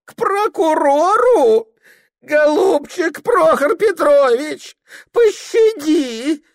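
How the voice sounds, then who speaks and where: A man voicing a brutal, coarse middle-aged merchant father who shouts and jeers hoarsely. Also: very high voice, animated, extremely slow, voice pushed up, exaggerated voice. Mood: mock pleading.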